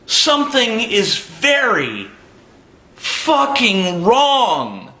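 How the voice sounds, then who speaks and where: A man's voice: high-pitched, wildly swooping pitch, extremely slow, bright, forceful tone, reverberant, slight background noise. A man in his twenties delivering an angry, profane commentary rant full of sarcastic rhetorical questions. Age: 20s. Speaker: video blogger.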